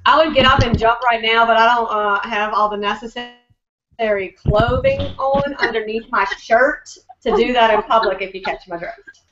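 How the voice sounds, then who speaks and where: A woman's voice: fairly high pitch, normal speed, lo-fi sound, background noise. A woman giving a casual, upbeat coaching talk as a network marketing team leader, chatty and full of fillers.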